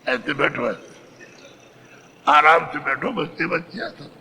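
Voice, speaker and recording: A man's voice: on the high side, a little slow, vocal fry, sharp tone, slightly rough, poor audio. A man giving a devotional sermon to a gathering of followers, teaching and instructing them directly. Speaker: spiritual teacher giving initiation. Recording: faint background noise.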